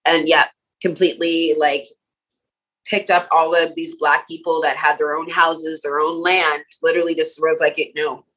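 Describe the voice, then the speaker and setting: A woman from Nova Scotia talks casually as an interview guest. Her voice sits low yet sounds bright and forceful. She strings thoughts together with frequent "like" and "um". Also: level tone, normal speed, low-quality recording. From Canada (Nova Scotia). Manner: casual, many "like" and "um" fillers, laughs often.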